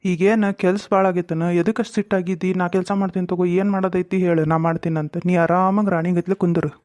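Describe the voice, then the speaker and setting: Man playing a placating cartoon village husband with a North Karnataka accent, high and quick, dry close sound. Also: fairly even intonation, a little mellow, no echo, close to an everyday voice. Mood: coaxing. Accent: North Karnataka Kannada. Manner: soothing, placating. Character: coaxing, patient young village husband. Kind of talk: cartoon comedy voice acting.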